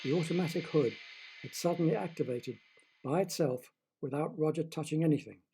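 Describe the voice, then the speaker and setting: A man narrating a story in a lively, dramatic manner. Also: fairly high pitch, fairly quick, creaky, over music.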